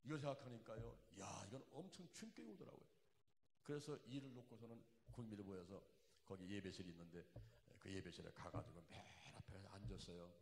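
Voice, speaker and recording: A middle-aged pastor telling a personal testimony as a sermon, building from calm storytelling to loud, emotional peaks. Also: male voice, fairly low pitch, fairly quick, a little hiss or hum. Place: church hall. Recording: echoey hall.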